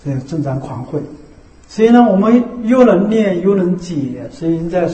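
A man giving a Buddhist dharma talk as a teacher. He keeps checking in with rhetorical tags and slows into a measured recited cadence for scripture. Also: high-pitched, expressive, warm tone. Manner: repeats the tag "是吧" as a rhetorical check. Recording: echoey room.

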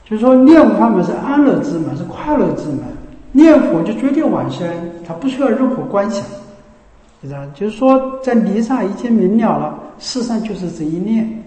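A man speaks as a Buddhist teacher in a casual, animated way and breaks into short chanted phrases to show his point. His voice sits fairly high for a man. The room is roomy and reverberant, with a long hall tail on every word. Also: brisk. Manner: lively, demonstrates by chanting phrases. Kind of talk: colloquial dharma talk on chanting.

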